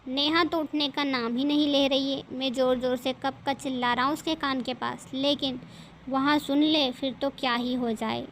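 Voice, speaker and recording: A woman's voice: sits high, fairly even intonation, normal speed, a bit bright, a little hiss or hum. A woman voicing a frustrated young husband who grumbles about his wife. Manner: complaining, grumbling.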